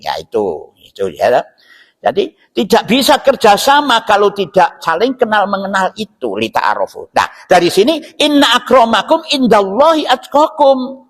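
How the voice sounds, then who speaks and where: At a normal speed, a man with a high-sitting voice and big pitch swings preaches casually inside a mosque. His Javanese accent colors a didactic explanation of scripture full of rhetorical questions and check-in tags, heard with hall reverb.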